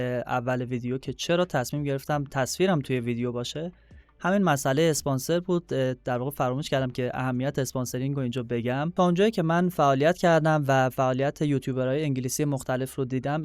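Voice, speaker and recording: A man's voice: medium pitch, clean tone, dry recording. A young man, explaining things conversationally as an interview guest. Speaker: guest, YouTuber.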